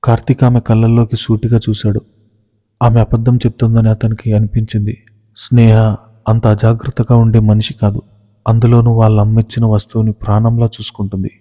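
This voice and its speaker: A man telling a dramatic story in measured, scripted narration. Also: fairly low pitch, completely flat delivery, mellow. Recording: reverberant, dull lo-fi recording.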